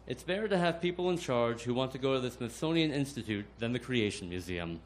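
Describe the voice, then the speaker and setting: A man's voice: mid-range voice, lively intonation, brisk, very noisy. A man reading a satirical op-ed on stage at a live comedy show, with a sardonic, pointed delivery. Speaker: comedy op-ed writer.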